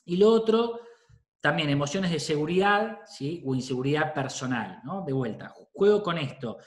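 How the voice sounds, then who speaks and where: Argentine guy, psychologist chatting to parents, kinda high voice, echoey room. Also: lively intonation, normal speed. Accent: Rioplatense Spanish. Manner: conversational, often adds a questioning "¿sí?". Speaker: psychologist giving a talk to parents. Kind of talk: informal talk to parents.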